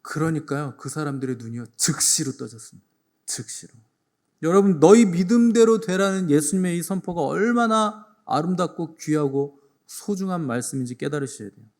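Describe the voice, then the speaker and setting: A man's voice: a little high, expressive, normal speed. Emphatic male pastor preaching. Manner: emphatic, rhetorical questions to the congregation; playful asides while retelling stories. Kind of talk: sermon. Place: church.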